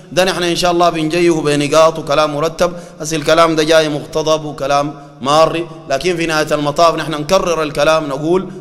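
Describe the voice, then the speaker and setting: A Sudanese-accented man preaches in a lively, mocking way and quotes scripture often. His voice is high and bright and he talks fast. The sound carries a long hall reverb. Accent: Sudanese Arabic. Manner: animated and mocking, quoting scripture. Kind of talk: colloquial sermon.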